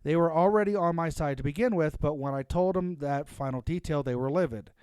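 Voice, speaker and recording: A man's voice: on the high side, brisk, a little mellow, smooth, dry recording, clean studio sound. A man co-hosting a casual chat show, reading a story aloud and joking between lines. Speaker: podcast host reading stories.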